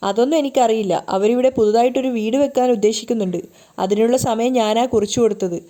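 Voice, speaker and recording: A woman's voice: a little high, fast, mellow, natural voice. A woman reading the lines of an inquisitive middle-aged temple priest in a TV serial recap. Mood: curious. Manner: plain, inquisitive.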